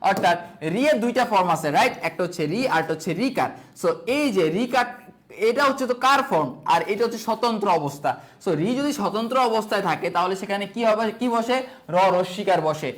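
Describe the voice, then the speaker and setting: A man's voice: high-pitched, animated, fast, a bit bright. A young man teaching an online exam-prep class, asking his own questions, answering them and repeating each rule. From Bangladesh. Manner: sprinkles English fillers like "okay" and "so".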